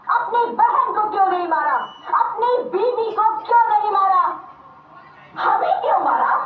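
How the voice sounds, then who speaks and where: A woman's voice: extremely high pitch, a little hiss or hum, exaggerated voice. A woman playing an accusing spirit of unborn daughters. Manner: accusing, declamatory, tearful. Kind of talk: amateur drama acting. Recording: echoey room from far off, tinny phone-like sound.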